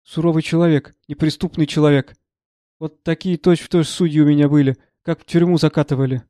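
A man's voice: a little high, steady tone, brisk, dark tone, dry recording, close to an everyday voice. Guy reading as a shy humble old secretary, hesitant, dry sound. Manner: meek, hesitant.

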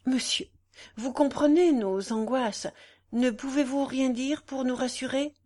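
A woman's voice: high voice, unhurried, a little mellow, pitched above the performer's own voice. A woman reading the part of an anxious young married noblewoman who speaks curtly, with tense hesitation. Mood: urgent.

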